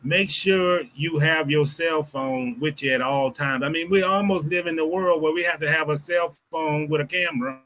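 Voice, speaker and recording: A man from the United States, a former sports reporter, talking as a podcast guest in a halting, reflective way. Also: on the high side, a bit bright, low-quality recording. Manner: halting, reflective, many restarts and fillers. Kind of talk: casual podcast conversation.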